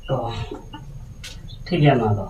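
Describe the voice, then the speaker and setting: A man's voice: medium pitch, normal speed, recorded from a distance, dull audio, noisy background. A man teaching pronunciation letter by letter, patiently repeating each sound and checking that his listeners follow. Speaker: language teacher.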